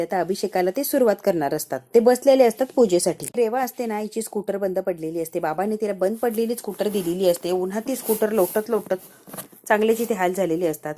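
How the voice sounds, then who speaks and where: A woman's voice: mid-range voice, dark tone. A woman narrating a conversational recap of a television episode as a voiceover, often asking the listener questions. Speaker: serial episode reviewer. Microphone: voiceover microphone.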